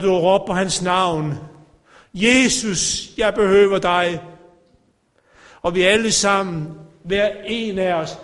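A man's voice: high voice, a bit bright, long reverb tail. A man preaching a sermon to a congregation, fervent and calling out. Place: church.

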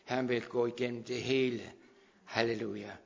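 A man preaching a fervent sermon in a church hall, exhorting, with sudden loud swells and low drops. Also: steady tone, creaky. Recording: dull, long-reverb hall sound.

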